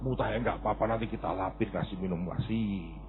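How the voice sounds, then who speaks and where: A man voicing a soft-hearted, indulgent mother who pities her child, speaking in a hushed, pleading way. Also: high-pitched, very fast, lightly acted. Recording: tinny phone-like recording.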